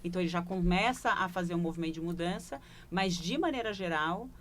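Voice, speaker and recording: Talking in a fairly low, fairly quick voice over a faint hiss or hum, a leadership consultant with a Brazilian Portuguese accent describes what she does during a studio broadcast interview. She is reflective and tends to end phrases with little questioning asides.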